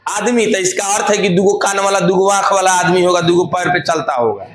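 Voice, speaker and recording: A man's voice: sits high, a little fast, echoey room, over a noisy crowd. A man teaching grammar in a classroom lecture, repeating phrases and quizzing his students.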